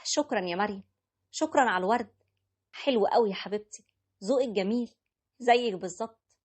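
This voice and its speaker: A woman voicing an older mother-in-law near retirement, speaking warmly to her daughter-in-law. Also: mid-range voice, fast, husky, natural voice. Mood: tender. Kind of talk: storytelling with character voices.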